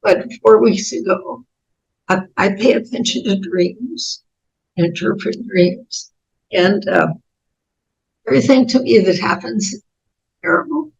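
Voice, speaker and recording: An 88-year-old American woman, an author and speaker appearing as an interview guest, tells reflective personal stories in halting, thoughtful phrases. Her raspy voice sits at medium pitch, and the highs are cut off.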